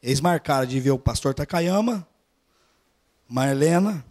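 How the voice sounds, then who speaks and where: A man with a Brazilian Portuguese accent preaches a storytelling sermon at a church service in a fairly high voice, speaking a little slowly with lively intonation. He swings between hushed asides and loud urging.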